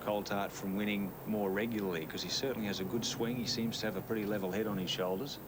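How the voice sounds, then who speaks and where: A man's voice: lowish voice, steady tone, fast talker, noisy background. A man giving explanatory, analytical live golf commentary.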